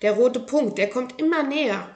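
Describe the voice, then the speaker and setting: Eager little girl, a bit higher, urgent, storybook, as a woman puts her on. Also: normal speed, close to an everyday voice. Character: lively young girl on a space station.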